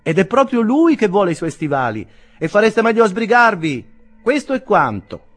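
A man doing a high, coaxing young inn maid. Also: very animated, normal speed, soft background music. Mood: insistent. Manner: coaxing, insistent.

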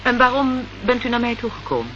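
In a Dutch radio play, an actress voices a cool, guarded woman from a political movement who speaks formally and evasively. Her voice is on the high side, very animated and fairly quick. The old recording sounds dull and noisy.

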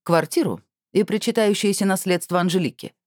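A woman's voice: on the low side, brisk, darkish tone, no echo, studio quality, pitched above the performer's own voice, lightly acted. A woman voicing a pompous, freeloading young man, sulky and haughty in tone.

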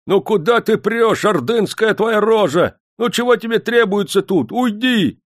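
A man voicing a gruff, angry soldier guarding a door, shouting roughly in a storybook reading. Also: sits high, animated, unhurried, no room sound, studio quality, pitched above the performer's own voice. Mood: furious.

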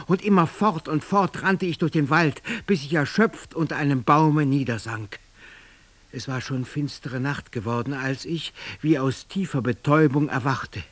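A man's voice: medium pitch, no echo. A man narrating a literary text aloud in an intense, theatrical first-person dramatic reading.

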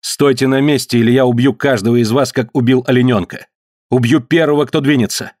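A man voicing a fierce young man who shouts defiant commands and challenges in a story reading. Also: mid-range voice, brisk, no room sound, studio quality, lightly acted. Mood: commanding.

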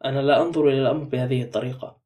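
A man's voice: medium pitch, steady tone, rapid-fire, dark tone, far from the mic, natural voice. A man voicing a blunt, suspicious middle-aged man who doubts everything.

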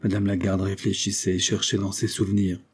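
A man reads a classic novel aloud as a measured, even storyteller. His voice sits low and sounds dark and husky. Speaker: audiobook narrator. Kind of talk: scripted literary narration.

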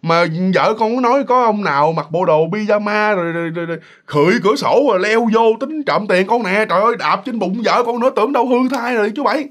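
A man's voice: high voice, expressive, quick pace, fairly bright tone, pitched above the performer's own voice. A man doing a flustered young husband. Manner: flustered and questioning.

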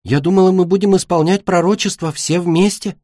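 Man doing a gentle young girl dragon. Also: high-pitched, fairly even intonation, fairly quick, no room sound, clean studio sound, pitched above the performer's own voice, natural voice. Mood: hopeful. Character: kind young female sand dragon, gentle.

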